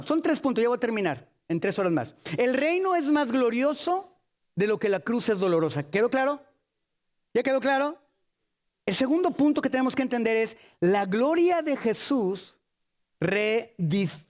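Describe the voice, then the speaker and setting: Animated Mexican preacher, high lively voice. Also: male voice, moderate pace. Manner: animated, colloquial, joking. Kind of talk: sermon.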